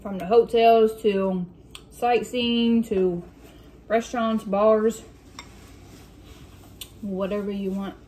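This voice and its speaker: A woman chatting casually as a vlog host while eating soup in a mukbang, reading out questions and pausing to clear her throat. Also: medium pitch, fairly even intonation, warm tone. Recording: noticeable room noise with dish and cutlery clatter. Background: clinking cutlery and dishes.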